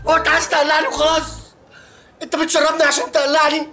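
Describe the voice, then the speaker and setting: An actor playing a melodramatic young man high on hashish, wailing in panic with an Egyptian accent. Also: monotone, rapid-fire, bright, forceful tone, soft background music. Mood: panicky whining. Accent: Egyptian Arabic. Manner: wailing, breathless complaints. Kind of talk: TV comedy drama acting.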